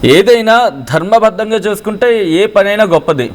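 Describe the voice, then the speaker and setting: A male news anchor hosting a live phone-in show, speaking in a measured, questioning way. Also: sits high.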